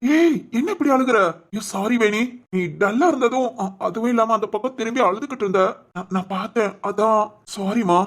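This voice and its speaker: A woman voicing a caring young policeman who gently comforts a crying friend in an audio drama. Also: a little high, moderate pace, natural voice. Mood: comforting. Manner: gentle and reassuring.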